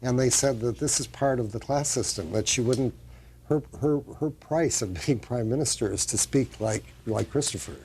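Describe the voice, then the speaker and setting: A man's voice: medium pitch, moderate pace, darkish tone, a little hiss or hum. A man speaking as a guest author in a studio discussion, explaining at length with frequent restarts.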